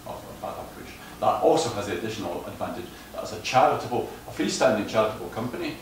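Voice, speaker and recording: A man lectures in a very low voice, picked up from far off in a reverberant hall. He hesitates and repeats words as he explains his points. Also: expressive, rapid-fire. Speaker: lecturer on footpath management. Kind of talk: lecture with audience questions. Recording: echoey hall, distant mic, noise.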